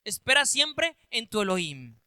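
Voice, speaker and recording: Fervent high-voiced male preacher. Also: sing-song, unhurried, dry recording. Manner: reads Bible verses aloud and explains them, repeats phrases for emphasis; bursts into loud emphatic calls. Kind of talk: sermon.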